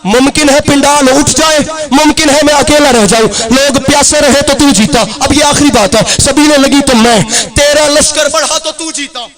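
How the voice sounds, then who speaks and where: A man's voice: extremely high pitch, fairly even intonation, moderate pace, hardly any pauses. A man from Pakistan delivering an impassioned sermon to a gathering, declaiming and chanting repeated refrains while urging the crowd directly. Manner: addresses and urges the crowd directly. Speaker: zakir preaching at a religious gathering.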